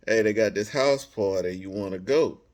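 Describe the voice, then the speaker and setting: Speaking at a moderate pace in a lowish voice, an American man casually recounts a personal story. His speech is animated and full of slang, and he acts out snippets of dialogue along the way.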